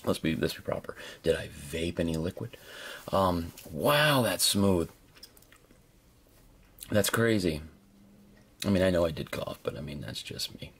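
A man's voice: low-pitched, animated, a little slow, creaky, long pauses, fairly bright tone, husky. A man giving a casual hands-on product review in an informal, chatty, exclamatory way.

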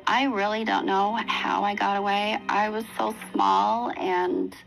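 A woman in her sixties telling her own story in a documentary interview, earnest and reflective, with pauses and restarts. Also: mid-range voice, level tone, creaky, fairly bright tone, faint music behind, low-quality recording. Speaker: interviewee recounting her past.

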